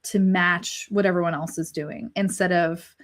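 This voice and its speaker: Hosting a live panel while five months pregnant, this woman has a lowish, steady voice and talks at a normal speed. Her manner is thoughtful and searching, with many restarts.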